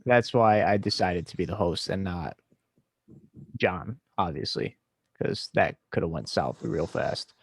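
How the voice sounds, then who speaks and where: Low gravelly dude, podcast host, blunt laid-back chat, mocks himself. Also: male voice, very animated, measured pace, no echo, studio quality. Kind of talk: casual chat reacting to old episodes.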